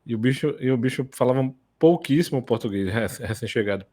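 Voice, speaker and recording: Male co-host, halting delivery with fillers, even mid-low voice. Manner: hesitant, drawn-out recollection. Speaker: podcast co-host. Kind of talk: casual chat.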